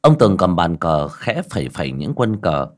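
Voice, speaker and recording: A man's voice: low voice, sing-song, normal speed. A man narrating an audiobook, addressing listeners directly in a conversational way.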